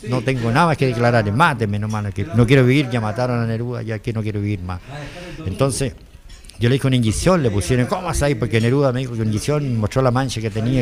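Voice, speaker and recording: A rapid-fire older man with a Chilean accent recounts his past in a rambling interview. He talks fast, loops back on himself, and acts out what others said to him in an even, mid-pitched voice. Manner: rambling, repeats "le dije yo", quotes others. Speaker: interviewee, former driver. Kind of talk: emotional personal testimony.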